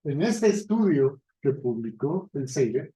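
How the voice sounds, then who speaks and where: A man's voice: mid-range voice, big pitch swings, takes it slowly, dark tone, echoey room, poor audio. A man giving a university lecture in a conversational way, often checking in with his listeners. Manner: conversational, asks "¿verdad?" often.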